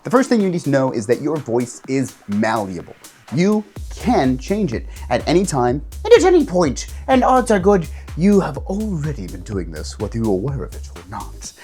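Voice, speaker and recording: A man, a game master, teaching tabletop players how to do voices in a casual instructional video, jumping his pitch up and down to demonstrate. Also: normal speed, soft background music. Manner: animated, jumps pitch up and down to demonstrate.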